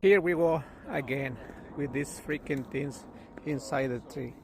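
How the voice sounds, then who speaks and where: A man who is not a native English speaker, narrating a casual video in careful, halting English with short phrases. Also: a little high, heavy background noise. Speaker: amateur filmer narrating a find.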